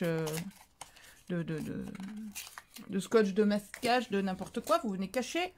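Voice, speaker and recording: A woman hosting a paper-craft tutorial, talking casually and rambling as she thinks aloud, with playful little asides. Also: medium pitch. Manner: chatty and rambling, thinking aloud while stamping; playful, drifts into silly singsong asides.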